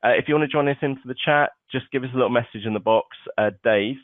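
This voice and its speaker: This seminar host talks fast in a mid-range voice, keeping the live online walkthrough casual and peppering it with "okay" and "uh." The sound, captured by a web conference mic, is tinny and phone-like with no echo.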